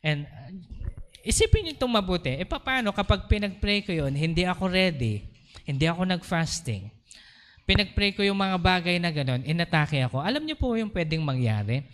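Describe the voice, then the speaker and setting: A man's voice: sits high, big pitch swings, normal speed, fairly bright tone, slight background noise. A man preaching a sermon as pastor, telling a story and mixing Tagalog with English. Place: church.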